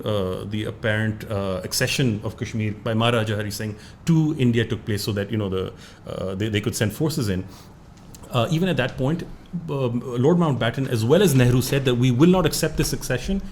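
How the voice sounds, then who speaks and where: A man from Pakistan co-hosting a casual chat, explaining points earnestly with halting restarts. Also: medium pitch, darkish tone, slight background noise. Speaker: co-host.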